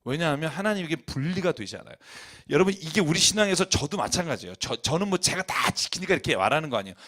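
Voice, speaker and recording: A male pastor preaches with fervor, his voice riding a little higher than most men's. He talks bluntly and colloquially, rising to loud, emphatic peaks and then dropping to quiet, low asides. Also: expressive, fast talker. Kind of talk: sermon. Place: church.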